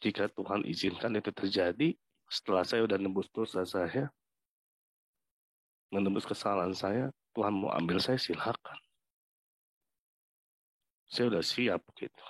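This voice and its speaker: A young man gives an earnest, halting testimony of his illness from a quarantine hotel room. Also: lowish voice, no room sound. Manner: earnest, halting, emotional retelling. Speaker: covid patient giving testimony. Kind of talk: personal testimony interview.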